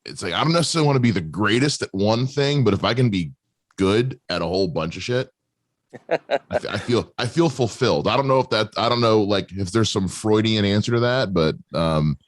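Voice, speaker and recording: A man's voice: on the low side, expressive, a little fast, no echo. A man hosting a podcast, joking and rambling, often stumbling and restarting his sentences. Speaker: podcast host. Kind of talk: casual podcast chat.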